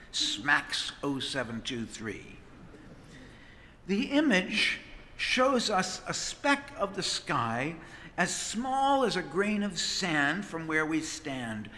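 The sermon comes from a middle-aged priest whose voice is bright and high, paced in an unhurried, deliberate way. He gestures broadly as he preaches expressively from the pulpit of a large stone church. His stand microphone catches the long echo that follows each line.

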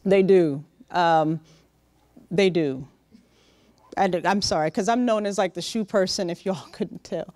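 A woman's voice: lowish voice, unhurried, long pauses. Direct middle-aged woman coaching a workshop. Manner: lively, direct, speaks straight to the audience. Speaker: workshop speaker. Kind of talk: motivational professional-development talk. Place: large hotel conference room, indoors. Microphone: handheld microphone.

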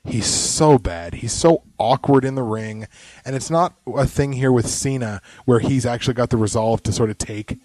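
A man's voice: medium pitch, normal speed, a little mellow, dry recording. A man co-hosting a casual wrestling podcast while sick, opinionated and rambling, sometimes dropping to muttered asides. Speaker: podcast co-host.

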